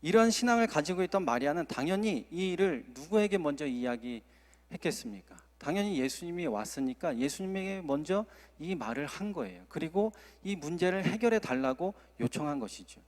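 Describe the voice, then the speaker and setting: A man's voice: fairly high pitch, expressive, brisk. A male associate pastor preaching a sermon at a Friday service, earnest and acting out quoted dialogue. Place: church sanctuary. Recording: long church hall reverb.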